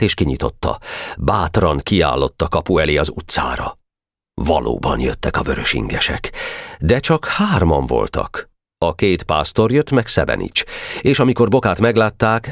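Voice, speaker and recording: Male audiobook narrator, deep and lively, dry close sound. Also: dry recording. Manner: expressive, measured. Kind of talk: scripted narration.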